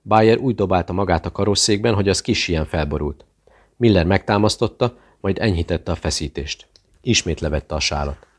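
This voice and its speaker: A man narrates a thriller audiobook in a steady, measured way. His voice sits very low. The reading is even and controlled. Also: slightly rough.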